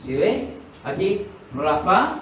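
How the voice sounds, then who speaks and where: High-pitched and fairly bright, the man's voice swings widely in pitch as he takes his time, with a little hiss or hum present. As a pastor delivering a sermon, he questions the congregation, supplies the answers himself, and repeats important words. The sound is echoey and distant, with faint ambience around it.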